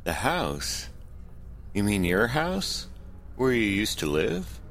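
An actor playing a calm male doctor in charge, asking measured, probing questions in an audio drama. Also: lowish voice, a little hiss or hum, exaggerated voice.

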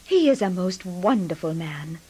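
A woman's voice: fairly low pitch, animated, measured pace, dark tone, husky, poor audio. An actress playing a devoted, anxious young wife, narrating her diary tenderly in a radio drama.

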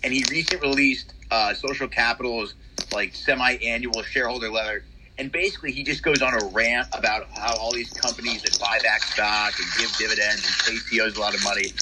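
A young man co-hosting a casual podcast, opinionated and quick to agree, with plenty of fillers. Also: mid-range voice, fairly even intonation, heavy background noise. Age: young adult. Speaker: podcast co-host. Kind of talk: casual chat.

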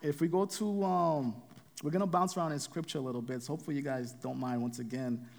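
Man preaching in an easygoing, halting way. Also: a little high, steady tone, darkish tone, long reverb tail. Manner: conversational, repeats phrases, frequent fillers. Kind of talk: sermon.

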